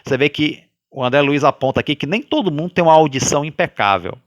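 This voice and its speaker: A man with a Brazilian Portuguese accent leading a guided religious study, talking loudly by habit and often checking in with his listeners. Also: fairly high pitch, fast, no room sound, highs cut off. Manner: animated, sways between loud and soft. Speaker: study group leader.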